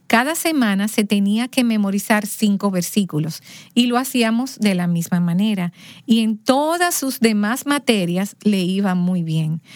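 A woman telling a personal story as an interview guest, lively, acting out the lines of people in her story. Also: mid-range voice, moderate pace, dry recording, clean studio sound.

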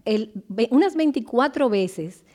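A woman giving an earnest devotional Bible teaching, slowing down with emphatic pauses. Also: a little high, animated, darkish tone.

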